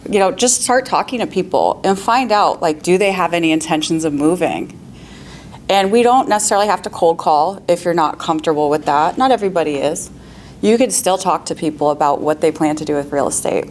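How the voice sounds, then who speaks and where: A woman with a lowish, slightly mellow voice speaks fairly quickly and expressively, with a faint hiss or hum in the recording. She's a real estate agent on a panel, offering upbeat, practical advice, laughing often and putting questions to the audience.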